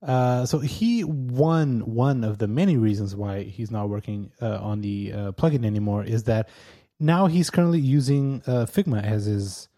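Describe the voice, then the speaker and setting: In a relaxed podcast conversation, a Portuguese-speaking male co-host talks at a medium pitch in a mellow, halting way. He sounds hesitant, uses plenty of fillers, and keeps chuckling.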